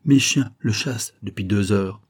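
A man's voice: lowish voice, normal speed, breathy edge. A man doing a surly young poacher. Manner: grumpy, evasive.

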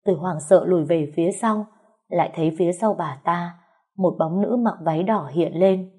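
A woman's voice: lowish voice, normal speed, a little mellow, husky. A woman telling a first-person horror story in a dramatic, tense narrating style.

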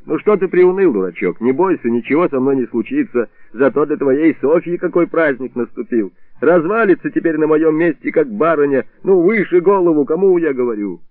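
A man's voice: fairly high pitch, expressive, brisk, hardly any pauses, no echo, voice pushed up, natural voice. A man doing a rowdy old Georgian drinker. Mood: cheering. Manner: rowdy, mocking, loud. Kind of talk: audiobook reading. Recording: tinny narrowband radio, dry.

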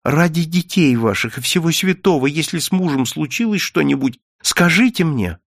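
A man's voice: fairly high pitch, lively intonation, moderate pace, dry recording, clean studio sound, voice pushed up. A man voicing an anxious mother who pleads and scolds in an audiobook reading. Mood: pleading. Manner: pleading, strict. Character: anxious mother, stern with her child. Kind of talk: audiobook character voice.

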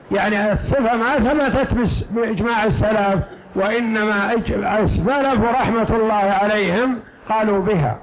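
A man, a sheikh, giving slow, emphatic lecture commentary on a text that was read aloud, repeating key phrases. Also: high voice. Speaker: sheikh teaching a creed text. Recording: dull lo-fi lecture recording.

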